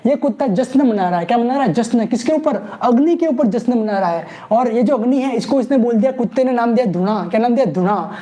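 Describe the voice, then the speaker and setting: His voice is very high and warm, with lively intonation, a slightly fast pace, and hardly any pauses. He is teaching an exam-prep class, playfully asking questions, answering them himself, and repeating every key word through mnemonic stories.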